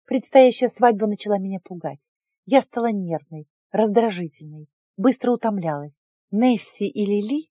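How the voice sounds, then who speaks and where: A woman reading a first-person story in an even, measured manner. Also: medium pitch, dry recording, clean studio sound. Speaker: audiobook narrator.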